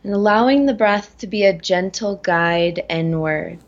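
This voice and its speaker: A woman leading a guided meditation in a gentle, soothing manner, slowly and with long pauses. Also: mid-range voice, dull audio. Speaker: guest guiding a meditation.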